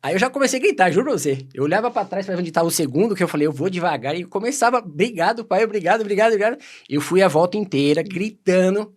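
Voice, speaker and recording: A Brazilian man talking at a rapid clip with a fairly high voice. He tells his stories casually and animatedly, jumping into quoted dialogue as he goes. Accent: Brazilian Portuguese. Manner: animated, quick anecdotes full of quoted dialogue. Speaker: podcast guest. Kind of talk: casual storytelling.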